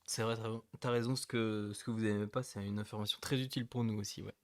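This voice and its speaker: A man with a somewhat low voice explains things in a hesitant way, pausing often and laughing easily. The sound is dry, with no room echo. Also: steady tone. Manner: hesitant, full of fillers and restarts, laughs easily. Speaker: co-host of a company webinar. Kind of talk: casual webinar chat.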